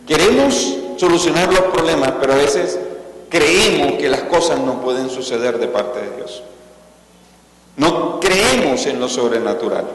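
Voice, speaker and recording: A man preaching a sermon as pastor, prompting the congregation to repeat lines and rising sharply in intensity on scripture readings. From Colombia. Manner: dramatic rises in pitch and volume on scripture lines. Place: church hall. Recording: echoey reverberant church hall.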